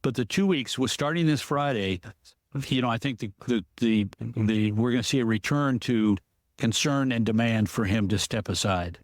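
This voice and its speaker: Man, political analyst guest, measured and explanatory, dry close sound, mid pitch. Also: dry recording. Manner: measured, explanatory, often restarts sentences. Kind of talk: podcast interview.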